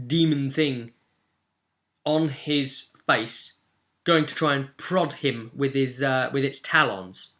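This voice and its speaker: A game master recaps a tabletop roleplaying session informally, leaning on dramatic emphasis and suspenseful pauses. His mid-range voice has a bright, forceful tone.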